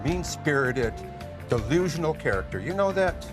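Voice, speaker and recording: A man's voice: fairly high pitch, big pitch swings, moderate pace, music in the background. A man, a court show litigant, speaking in an indignant, argumentative way.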